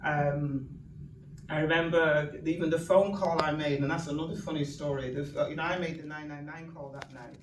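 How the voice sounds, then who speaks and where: With a low voice and fairly even intonation at normal speed, a Mancunian woman in her fifties from Manchester, England addresses an event audience as a guest speaker and community activist. She recounts her story in a humorous, talkative way, laughing a lot, while a crowd murmurs behind her; the sound is echoey, distant-miked and full of ambience.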